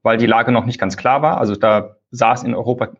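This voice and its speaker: Guy on a crappy lo-fi phone call, kinda husky, just chatting through it with lots of ums. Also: steady tone, fast. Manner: explains at length with fillers, loose and conversational. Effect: low-quality phone call recording. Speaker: conference lead organizer, interview guest. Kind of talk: casual phone interview. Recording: dull lo-fi phone call audio.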